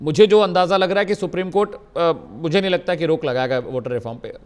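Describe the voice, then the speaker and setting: A man moderating a heated television debate. He talks quickly in a slightly raised voice and fires pointed questions at the panelists. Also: on the high side, clean tone. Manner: pressing, rapid-fire questioning. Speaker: debate anchor.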